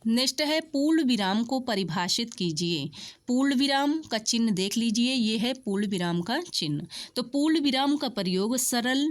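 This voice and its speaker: A woman teacher giving an exam-prep lesson in a steady explanatory tone, explaining examples one by one. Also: fairly high pitch. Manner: steady explanatory tone, mixes English words.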